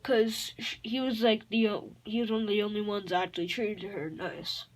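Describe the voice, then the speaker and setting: A woman makes up a fan-fiction story aloud as she goes, rambling and halting with lots of fillers and self-corrections. Her voice is medium in pitch and steady in tone.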